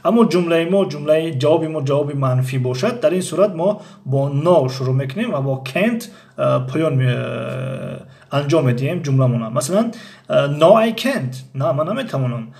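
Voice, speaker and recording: A man explaining English grammar as a teacher, reading example sentences slowly and repeating them. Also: fairly high pitch, animated, creaky, a little mellow.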